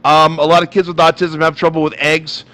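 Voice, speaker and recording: A chef talking in a halting way with many fillers on a video call, his voice cutting in and out. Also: on the high side, little pitch movement, pushed and bright. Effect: voice cutting in and out over a video call. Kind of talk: casual video-call interview.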